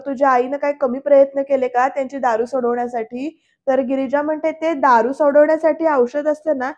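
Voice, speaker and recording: A woman's voice: sits high, darkish tone, muffled recording. A woman narrating a voice-over recap of a TV serial episode, reading each character's lines in turn.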